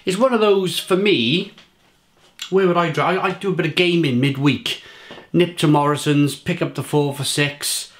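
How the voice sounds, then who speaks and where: A man's voice: fairly high pitch, moderate pace. A man with a British accent doing a casual beer review to camera, rambling through restarts and listing flavours with enthusiasm. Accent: British English. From England.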